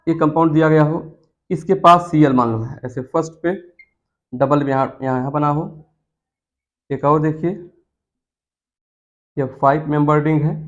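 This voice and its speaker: A man teaching chemistry, his voice pitched a little high for a man. He repeats key terms and keeps turning to his students with questions. The recording sounds dull and lo-fi. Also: steady tone, measured pace, pauses often. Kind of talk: classroom lecture.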